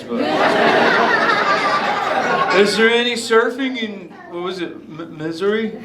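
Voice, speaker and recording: A mellow surfer-dude sea turtle who drawls slang and teases the crowd, his voice swooping up and down all the time. He is heard in an echoey theater over a loud, noisy audience. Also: medium pitch. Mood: teasing. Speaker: live show character talking with audience. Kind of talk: improvised live audience interaction. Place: indoor theater with live audience.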